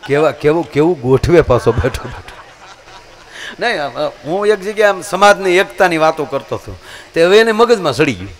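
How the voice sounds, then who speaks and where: A man's voice: on the high side, sing-song, brisk. A man from Gujarat, telling comic folk stories on stage and shifting his voice for each character. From Gujarat, India. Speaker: dayro storyteller. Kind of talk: live comic folk storytelling.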